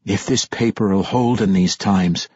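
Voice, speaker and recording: A man's voice: on the low side, breathy edge, no echo, dull audio. A man playing Bruner, a brooding king. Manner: quiet, measured. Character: brooding dwarf king, quiet and doubting.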